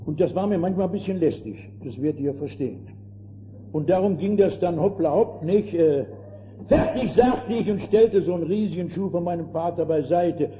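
An older man preaching a fervent sermon, calling his listeners friends and swinging between hushed and emphatic delivery. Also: fairly high pitch, fairly quick. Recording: dull lo-fi old sermon recording with faint noise.

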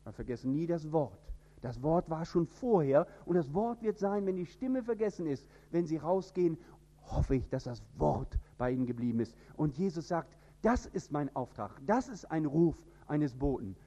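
A man from northern Germany with a standard High German accent, preaching an emphatic sermon. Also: big pitch swings, moderate pace, highs cut off. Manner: emphatic, with sudden rises in pitch and loudness.

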